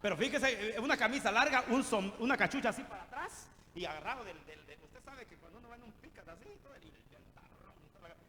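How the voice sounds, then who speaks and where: A man from El Salvador with a Salvadoran Spanish accent, preaching an animated, jokey sermon and calling his listeners brother. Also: extremely high pitch, fast, hardly any pauses, big-room sound.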